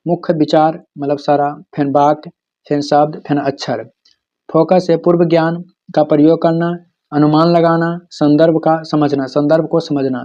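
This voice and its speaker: A man's voice: fairly high pitch, mellow, muffled recording. A man teaching an exam-prep lecture, repeating key terms and answering his own questions.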